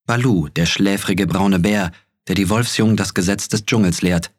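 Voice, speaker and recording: A man narrating a story in a calm, measured way. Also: sits low, no room sound, studio quality. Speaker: audiobook narrator. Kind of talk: scripted narration.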